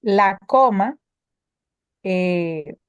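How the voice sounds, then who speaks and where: A woman's voice: medium pitch, expressive, very slow, clear, resonant tone, no room sound. A woman teaching a spelling lesson, reading prepared explanations with occasional filler sounds and self-corrections.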